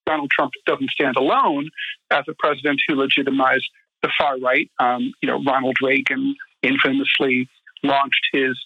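A man's voice: mid-range voice, level tone, normal speed, dry recording, lo-fi sound. A man speaking as a guest on a radio interview, thoughtful and full of ums and uhs. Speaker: guest commentator.

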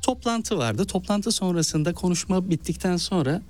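A novelist and actor from Malatya in eastern Turkey, speaking with an eastern Turkish accent, tells stories in an interview and animatedly acts out quoted speech. His voice is high-pitched at a normal speed, with soft music playing in the background.

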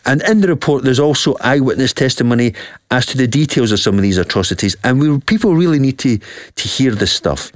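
A man's voice: mid-range voice, animated, no echo, clean studio sound. A man hosting a radio interview show, talking earnestly and with emphasis. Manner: earnest, emphatic, reads quotes aloud slowly. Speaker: talk show host.

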